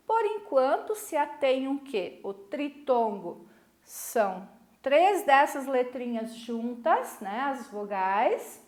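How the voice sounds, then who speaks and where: A Brazilian woman teacher giving a recorded lesson, patient, checking in often with short tag questions. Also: high-pitched. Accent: Brazilian Portuguese. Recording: echoey room.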